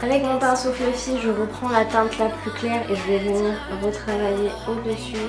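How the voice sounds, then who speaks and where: A young beauty vlogger gives a casual makeup tutorial, chatty and full of fillers like "euh" and "donc voilà." Her fairly high voice barely moves in pitch and keeps a moderate pace. It sounds roomy, with loud background music.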